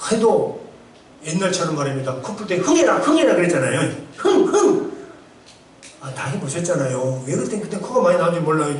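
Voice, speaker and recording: Animated man preaching in an echoey hall. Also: on the high side, slight background noise. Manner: animated preaching with rhetorical questions and acted-out outbursts. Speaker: pastor. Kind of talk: sermon. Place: church sanctuary. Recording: echoey church hall from far off.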